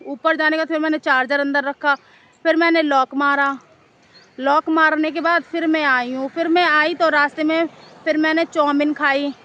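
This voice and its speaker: High-voiced woman chatting to camera. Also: a bit bright, lo-fi sound. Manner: chatty, rambling, repeats herself. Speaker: vlogger. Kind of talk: casual storytelling to camera. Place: outdoors in a park.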